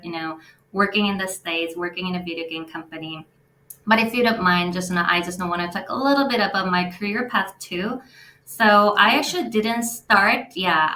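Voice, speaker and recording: A Korean-accented woman in her forties speaks as a guest in a fireside chat, earnest and unhurried, often pausing on fillers. Her voice is bright and forceful. The room adds a noticeable echo with a faint hiss of noise. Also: mid-range voice. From South Korea. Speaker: CEO guest.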